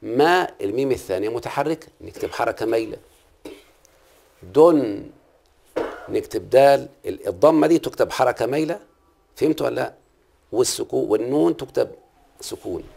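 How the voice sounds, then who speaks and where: A man's voice: medium pitch, animated, fast, gravelly, darkish tone, a little hiss or hum. A middle-aged man with an Egyptian Arabic accent, teaching a class and patiently quizzing the students, repeating key terms. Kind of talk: classroom lesson on Arabic prosody.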